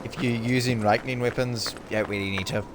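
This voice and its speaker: A man's voice: medium pitch, fairly even intonation, brisk. A man giving casual commentary as he plays a video game. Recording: game sounds and noise behind voice.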